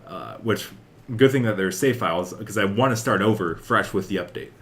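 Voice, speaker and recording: Moderately paced and fairly low, this young man's voice has a bit of brightness. As a podcast host, he rambles through a casual chat on video game news, full of fillers like "like" and "uh."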